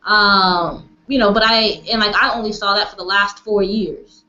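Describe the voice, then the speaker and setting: A female discussion facilitator runs an informal online group chat by video call, hesitating and hunting for the right words. She speaks at a moderate pace with medium pitch and a steady, bright, forceful tone, all through echoey, muffled, noisy call audio.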